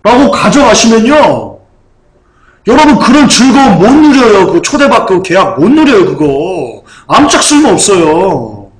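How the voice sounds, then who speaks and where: A male pastor delivers a fervent sermon in a high voice. He swings widely in pitch and keeps firing questions at the congregation. The sound carries through an echoey church hall. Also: sing-song, unhurried.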